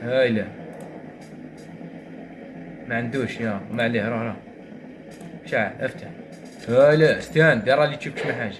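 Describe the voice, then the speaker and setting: Young Algerian streamer, excitable and fast-talking, mid-pitched, noisy home mic. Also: male voice. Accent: Algerian Arabic. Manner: excitable, muttering to himself, swings from grumbling to shouting. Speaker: gaming streamer. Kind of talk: gameplay commentary.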